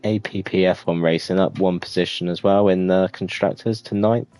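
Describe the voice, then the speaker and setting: A man with an extremely low, deep voice talks through race standings from his management game. His delivery is relaxed and rambling, full of fillers, recorded dry and close with faint music behind him. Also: normal speed, no echo. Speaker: gamer commentating his own racing management game. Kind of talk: casual let's-play commentary.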